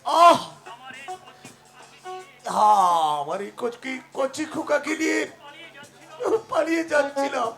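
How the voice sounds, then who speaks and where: A man playing a wounded, desperate fugitive father in a Bengali village folk drama, halting and groaning in pain. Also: very high voice, vocal fry, fairly bright tone, faint music behind, exaggerated voice. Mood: dying, pained. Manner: halting, broken delivery with groans and repeated words. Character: dying fugitive father, wounded, desperate, pleading for his son. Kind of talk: Bengali village jatra melodrama acting.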